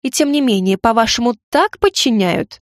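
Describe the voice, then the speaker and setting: A woman voicing a sharp-tongued young witch. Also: on the high side, animated, moderate pace, no echo, clean studio sound. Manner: sarcastic, snapping.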